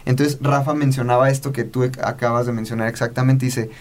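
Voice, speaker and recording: A man's voice: medium pitch, fairly even intonation, fairly quick. A man hosting a casual podcast conversation, now and then acting out parents and children in quoted lines. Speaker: podcast host.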